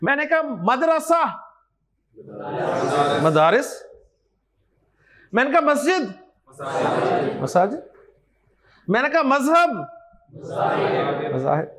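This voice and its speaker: A male teacher lecturing a class, drilling pairs of words with his students in call and response. His voice sits high and swings widely in pitch, and he keeps urging the class along. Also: a bit bright. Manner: encouraging, addresses students directly. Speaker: Arabic teacher.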